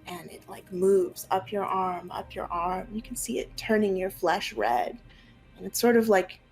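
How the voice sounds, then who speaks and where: A woman's voice: mid-range voice, measured pace, a little mellow. Woman game master improvising over faint music. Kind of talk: narrating an online tabletop roleplaying game. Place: room at home, on a group video call.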